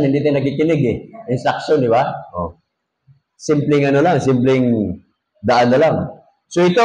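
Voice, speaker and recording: A man's voice: high voice, reverberant, low-quality recording. A man with a Filipino accent, a pastor preaching a sermon, telling jokey stories and reading scripture in English.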